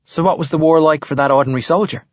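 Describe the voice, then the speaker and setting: An actor playing an earnest history teacher who lectures in a measured, explanatory way. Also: male voice, on the high side, no echo, dull audio, close to an everyday voice. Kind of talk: audiobook character voice.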